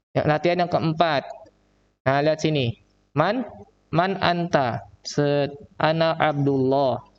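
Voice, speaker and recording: Jakarta teacher's slow lo-fi lesson. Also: male voice, a little high, a little mellow, slight background noise. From Indonesia. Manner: slow, drawn-out reading of example phrases. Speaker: Arabic teacher. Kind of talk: recorded online lesson. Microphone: laptop mic.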